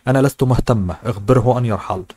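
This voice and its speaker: A man reading the lines of an angry, proud young rich woman in a novel audiobook, in a sharp, indignant manner. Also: medium pitch, racing, breathy edge, lightly acted.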